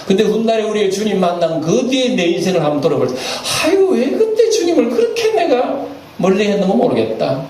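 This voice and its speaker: A man preaches with a lively, swooping delivery in a fairly high voice, putting questions to the congregation. The sound is heavily echoey and comes from a distance, like a church hall recorded from far off, with a faint hum underneath. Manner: animated preaching with questions to the congregation and acted-out asides. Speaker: senior pastor. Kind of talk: sermon. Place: church sanctuary.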